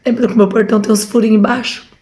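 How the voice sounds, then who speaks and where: A woman's voice: on the high side, little pitch movement, very fast, dark tone. A woman with a Brazilian Portuguese accent giving a fervent testimony from home, repeatedly calling her listeners brothers. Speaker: preacher. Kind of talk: emotional testimony to a congregation.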